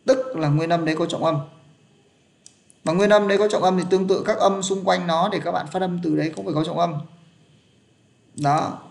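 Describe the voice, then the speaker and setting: A man's voice: sits high, fairly even intonation, a little fast, creaky, long pauses. A man, teaching an English pronunciation class online and patiently checking that his students are following.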